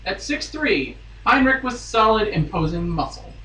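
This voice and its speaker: A podcast's guest reader, a man with a high, sharp voice, gives a very animated reading of a romance novel at a moderate pace. He plays it theatrically and dramatically, pausing for amused asides. Faint noise and a distant mic make it sound roomy.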